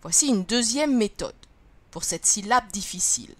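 A woman, a first-grade teacher, gives a reading lesson to young children, sounding out letters and syllables slowly and clearly. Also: medium pitch, expressive, a bit bright.

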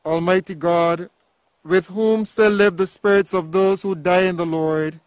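A man with a fairly high voice reads the committal prayers at a funeral. His cadence is slow, solemn and measured. The sound is close and dry, with no room echo. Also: fairly even intonation, clean tone. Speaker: priest leading a funeral committal. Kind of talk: liturgical prayer reading.

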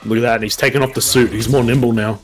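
Excitable man calling a fighter match. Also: medium pitch, very fast, soft background music. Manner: excitable, joking, reacts loudly to hits. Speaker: esports commentator. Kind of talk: live fighting-game commentary.

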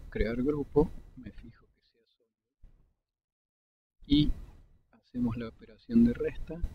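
Man calmly narrating a modeling tutorial. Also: vocal fry. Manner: calm step-by-step explaining, pausing between clicks. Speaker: 3D modeling instructor. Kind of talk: screen-recorded software tutorial. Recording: dull lo-fi desktop mic with faint rumble.

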